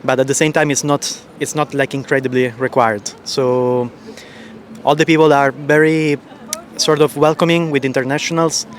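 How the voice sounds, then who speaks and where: A man's voice: mid-range voice, fairly even intonation, normal speed. A man from Sicily, a researcher answering street interview questions thoughtfully, with restarts. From Sicily, Italy. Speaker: postdoctoral researcher. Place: city street outdoors.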